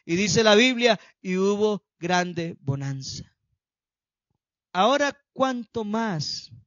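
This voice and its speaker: A man preaching a sermon as pastor, swinging from loud shouted peaks to hushed asides. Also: high voice, dry recording, muffled recording. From Colombia.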